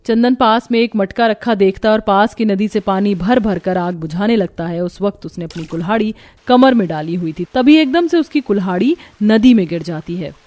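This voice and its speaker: A woman's voice: mid-range voice, moderate pace, few pauses, a little mellow, dry recording. Woman storyteller, scripted narration, sympathetic tone, dry close mic.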